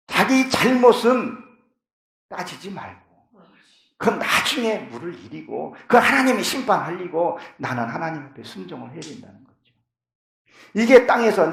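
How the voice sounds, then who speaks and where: A middle-aged male pastor delivers a fervent sermon in a church sanctuary. His voice sits high for a man and has a gravelly edge. The sound carries a roomy, echoing quality. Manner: fervent, rising to impassioned pleading in prayers. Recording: echoey church hall.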